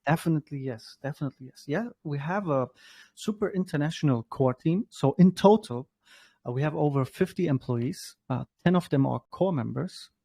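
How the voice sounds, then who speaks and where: A man in his thirties who grew up in Germany, introducing himself as a founder in a halting way, with many fillers and restarts. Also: fairly high pitch, lively intonation, vocal fry, mellow, slightly rough, dry recording. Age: 30s. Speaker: guest, startup founder. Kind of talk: casual spoken self-introduction.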